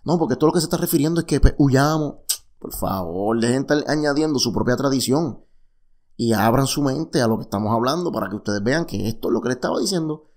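A man teaching a casual Bible study, reading verses aloud and explaining them with lively, repetitive asides. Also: medium pitch, quick pace.

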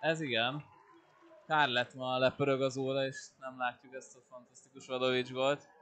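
A man giving measured live sports analysis as a co-commentator. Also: medium pitch, flat delivery, a bit bright. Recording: faint venue ambience noise.

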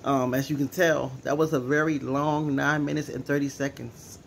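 A man's voice: mid-range voice, little pitch movement, moderate pace, vocal fry, a little hiss or hum. A teary-eyed man speaking earnestly at home in a casual personal vlog, repeating himself as he talks. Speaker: vlogger.

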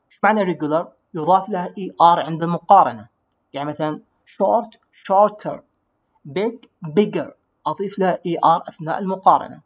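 A high-pitched man, an English teacher, gives a recorded grammar lesson. He explains things patiently and slows down when pronouncing English words.

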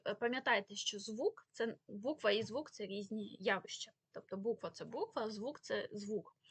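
A woman's voice: a little high, a bit bright, slightly rough, dry recording. A woman giving a spelling lesson, explaining rules and carefully stressing the example words. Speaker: language teacher.

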